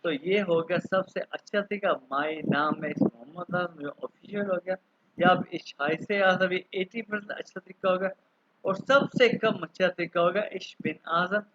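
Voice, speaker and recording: A man in his thirties from Pakistan teaching an online German class, patiently repeating words slowly for pronunciation. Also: sits high, steady tone, muffled recording, slight background noise. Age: 30s.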